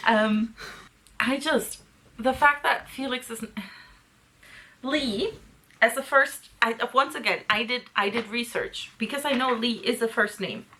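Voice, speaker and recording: A woman's voice: on the high side, unhurried, bright, forceful tone, a little hiss or hum. A woman hosting a casual book breakdown, giving sarcastic, exasperated commentary. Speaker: host.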